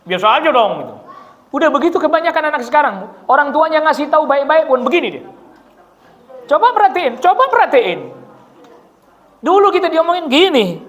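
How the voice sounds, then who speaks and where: A male preacher giving a casual religious study talk in a mosque, lively and colloquial, acting out the people he describes. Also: sits high, lo-fi sound. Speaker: Islamic preacher.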